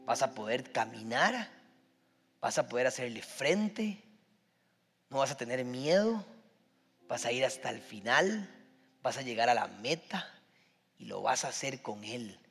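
A man with a Costa Rican accent preaching a sermon as a pastor, emphatic, with sudden swings in loudness. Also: mid-range voice, lively intonation, a little slow, long pauses, slightly rough. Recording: long reverb in a large hall.

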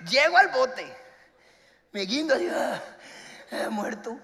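Man, preacher, very high voice, lively storytelling sermon, long church-hall reverb. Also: slow pace, gravelly. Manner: animated storyteller, acts out shouts and voices. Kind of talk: sermon with humorous personal story.

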